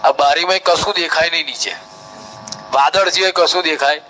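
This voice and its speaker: Bright-voiced Gujarati man giving instructions. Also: fairly high pitch, normal speed, slight background noise, poor audio. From India. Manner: instructive, step-by-step, mimics crowds. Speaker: Hajj trainer. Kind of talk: live training talk.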